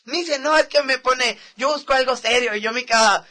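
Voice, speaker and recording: A man's voice: very high voice, brisk, pushed and bright. A young man with a northern Mexican accent, chatting casually and telling a story in slang, laughing often. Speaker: podcast co-host. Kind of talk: casual chat.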